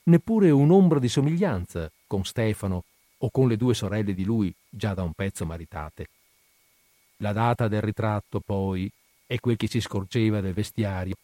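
A male narrator reads a literary short story with careful, measured phrasing and rises in pitch for quoted speech. His voice sits low and warm, with a soft, rounded tone. The recording is dry and close, with no room sound. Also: dry recording. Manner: measured, expressive reading that lifts for dialogue.

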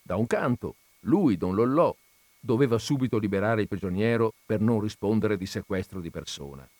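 A man's voice: on the low side, lively intonation, moderate pace, darkish tone, dry recording. Man reading a classic story aloud. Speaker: reader.

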